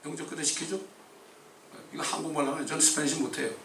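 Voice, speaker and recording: A male pastor delivers a fervent sermon in a bright, forceful voice that sits a touch high. He swings from calm talk to sudden shouts. The sound is echoey and distant, as if picked up from across a church hall, with faint ambience behind him. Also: fast talker, slight background noise.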